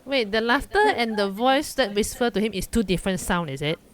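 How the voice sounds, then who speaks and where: A woman's voice: medium pitch, animated, a little fast. Chatty woman player. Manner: questioning, chatty. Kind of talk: casual tabletop game chat.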